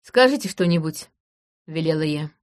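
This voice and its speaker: A woman reading an audiobook in the first person, in a brisk, dry and commanding manner. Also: deep voice, lively intonation. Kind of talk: audiobook narration.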